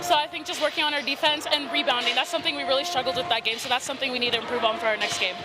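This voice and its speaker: A teenage girl player answers postgame questions while still out of breath. Her voice is high. She speaks casually and haltingly. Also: steady tone, over loud music. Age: teens.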